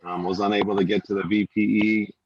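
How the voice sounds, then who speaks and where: A man's voice: lowish voice, flat delivery, quick pace, muffled recording, background noise. Apologetic man calling in from a car. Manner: brief and apologetic. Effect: calling in by phone from a moving car. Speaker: club officer in a video-call training. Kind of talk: casual remarks. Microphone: phone in a car.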